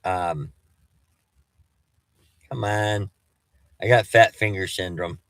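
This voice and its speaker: Slow-talking man with whistling s sounds. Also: sits low, steady tone, a bit bright, dry recording. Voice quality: whistling s from false teeth. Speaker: storm chaser giving a weather update. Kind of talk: casual, rambling live weather update.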